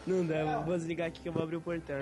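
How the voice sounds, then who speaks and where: A male caller phoning in from home over an internet voice call, giving short, flat replies to the hosts' questions. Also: on the high side, very fast, soft background music. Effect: heard over an internet voice call.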